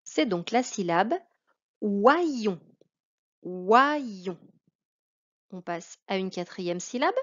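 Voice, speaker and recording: A woman's voice: medium pitch, lively intonation, moderate pace, hardly any pauses, dull audio. A woman teaching a reading lesson to children, patiently spelling out syllables one by one.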